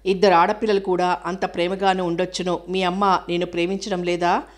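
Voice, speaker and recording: Sad clingy young woman, reproachful, low flat voice, a lady reading it in a storybook. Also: fairly quick, natural voice. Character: grieving young woman, clingy and self-pitying.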